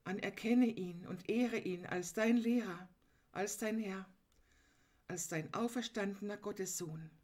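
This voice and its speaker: A woman delivering a sermon in an earnest, emphatic way, retelling the story and then speaking straight to her listeners. Her voice sits at an ordinary middle pitch for a woman. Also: a little slow, a little mellow. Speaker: preacher.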